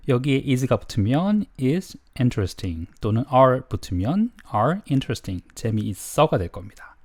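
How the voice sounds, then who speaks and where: Male English teacher, animated up-and-down voice, drill-style lesson, slow careful model sentences. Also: mid-range voice. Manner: reads English model sentences slowly and deliberately; prompts learners to repeat after him.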